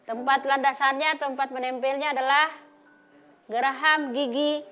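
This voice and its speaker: Slow, bright-voiced woman teacher. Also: sits high. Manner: slow, drawn-out teaching with repeated example sounds. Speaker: Quran recitation teacher. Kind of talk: televised religious lesson.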